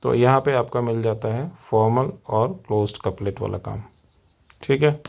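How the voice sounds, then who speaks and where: A man's voice: medium pitch, normal speed, vocal fry, a little mellow. A man with an Indian accent teaching literary terms for an exam, switching between English and Hindi and repeating each point to his learners. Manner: explains, then repeats in Hindi, addresses learners. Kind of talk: exam-prep lecture, mixing English and Hindi.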